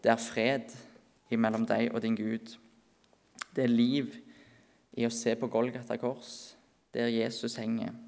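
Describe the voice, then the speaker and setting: A man preaching an earnest sermon at a church meeting, often slowing and softening his voice for emphasis. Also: mid-range voice, flat delivery, vocal fry.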